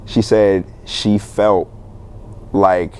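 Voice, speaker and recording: A young man, a guest on a talk show, telling his story in a loose, animated way, with many fillers and bursts of laughter. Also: fairly low pitch, very slow, clear, resonant tone. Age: young adult. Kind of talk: casual storytelling interview.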